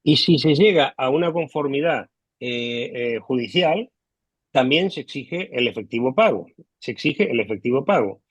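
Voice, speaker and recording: Man, low quality stream, dull lo-fi call sound, dry close audio, measured legal explainer, hesitant fillers. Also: no room sound. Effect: low quality stream audio, connection dropping. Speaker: legal expert guest. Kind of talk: explaining law in a remote interview. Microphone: video call.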